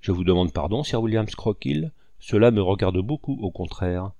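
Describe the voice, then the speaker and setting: A man's voice: lowish voice, animated, normal speed, dark tone, dry recording. A man voicing a tough male hunter who talks in a mocking, teasing way.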